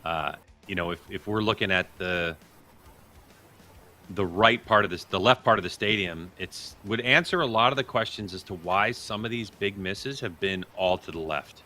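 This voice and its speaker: A man hosts a live sports watch party and commentates on the action as it unfolds. His low-pitched voice is bright and forceful at a moderate pace. Background noise is noticeable in the recording.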